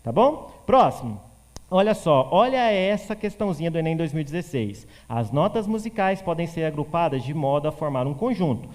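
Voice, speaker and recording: A man from teaching physics for exam prep, animated, answering questions he voices himself for a student. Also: a little high, moderate pace, long reverb tail. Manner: animated, plays the student asking questions in a shifted voice.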